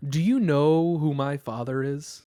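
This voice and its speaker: A man's voice: fairly high pitch, measured pace, dark tone, no room sound, clean studio sound, lightly acted. A man voicing a smug, entitled male passenger who talks dismissively. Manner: dismissive, mocking.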